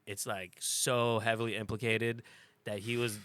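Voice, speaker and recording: A man's voice: lowish voice, level tone, normal speed, a bit bright, smooth. A man co-hosting a casual comedy podcast, easygoing and chiming in with short replies. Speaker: podcast co-host.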